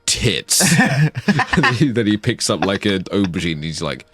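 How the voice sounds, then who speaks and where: A man's voice: low voice, lively intonation, brisk, dry recording. A man co-hosting a casual chat show, telling rambling stories full of swearing and quoted voices. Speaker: podcast co-host.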